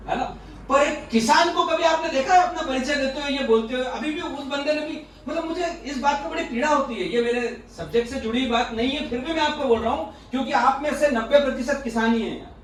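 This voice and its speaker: At a youth leadership session, a man with a very high voice gives a lively motivational talk, joking with his listeners and asking them questions. He is heard from far off in a very echoey hall, with faint noise behind him.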